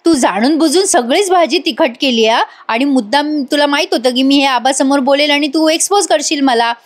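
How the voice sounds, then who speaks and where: A woman's voice: high voice, a little fast, close to an everyday voice. A woman voicing a smug, sly young husband who swings between fake apologies and sneering, in a drama recap. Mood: irritated. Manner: mock-apologetic, then sneering.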